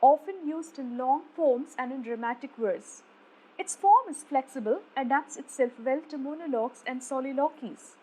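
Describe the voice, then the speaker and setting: A woman with an Indian English accent, teaching a lecture and spelling out terms slowly and deliberately, one by one. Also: high voice, warm tone, breathy edge, low-quality recording. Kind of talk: explaining lecture on poetic meter.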